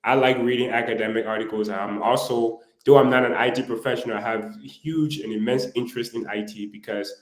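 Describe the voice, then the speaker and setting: A man's voice: medium pitch, fairly even intonation, brisk, few pauses. Upbeat male talk show host, roomy echo. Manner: upbeat, encouraging. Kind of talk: interview.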